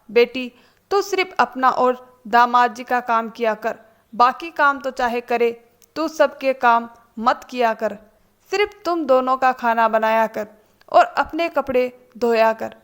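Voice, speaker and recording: A woman's voice: fairly high pitch, smooth, lightly acted. A woman voicing a grown son who reasons seriously and persuasively with his mother.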